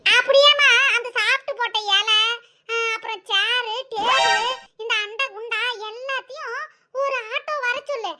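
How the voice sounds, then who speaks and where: A woman voicing several teasing, scolding village women in an animated comedy. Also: very high voice, moderate pace, heavy background noise. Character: nosy teasing village women at a wedding feast.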